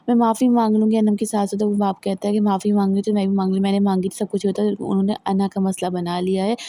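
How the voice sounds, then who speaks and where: A woman with a Pakistani Urdu accent retelling a TV drama episode in a rapid, run-on way, reading the characters' lines aloud. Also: mid-range voice, warm tone. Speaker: drama reviewer. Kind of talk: fast plot recap with read-out dialogue.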